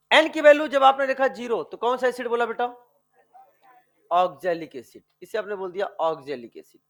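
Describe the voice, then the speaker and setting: A man's voice: high voice, a bit bright. A male chemistry teacher lecturing a class, quizzing students with repeated questions and stretching out key words, addressing them affectionately as dear children.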